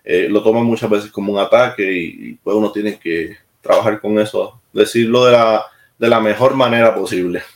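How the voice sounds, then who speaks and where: With a fairly low voice and a moderate pace, a military musician from Puerto Rico speaks plainly and directly as a guest in a casual interview, with some hesitant restarts. His Puerto Rican Spanish accent comes through, and the room echoes.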